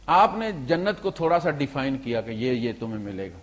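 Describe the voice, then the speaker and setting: A man preaching a storytelling sermon, swinging between loud emphasis and quiet asides, with English words mixed into his talk. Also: medium pitch, very animated. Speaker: Islamic preacher.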